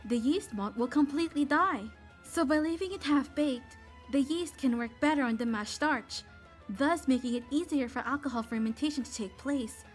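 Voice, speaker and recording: In a comic dub, a woman with a high-pitched voice that stays close to an everyday sound plays a polite, studious young female companion who explains things precisely and earnestly.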